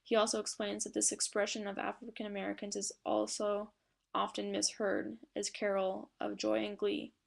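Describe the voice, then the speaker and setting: A woman's voice: mid-range voice, completely flat delivery, normal speed, vocal fry. A young woman reading a class presentation aloud from a script, with small slips and fillers. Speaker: student presenter.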